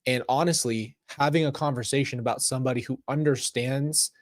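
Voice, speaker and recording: A man's voice: mid-range voice, steady tone, fairly quick, no room sound, clean studio sound. Earnest man addressing his viewers. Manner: earnest, talks straight to viewers and chat. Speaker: reaction video host. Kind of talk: casual reaction commentary.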